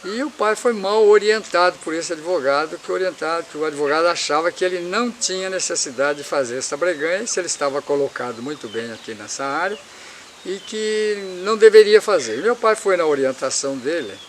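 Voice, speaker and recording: A man's voice: fairly high pitch, expressive, brisk, slight background noise. A man in his seventies from Paraná, Brazil, telling his life story in a rambling way and repeating himself. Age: 70s.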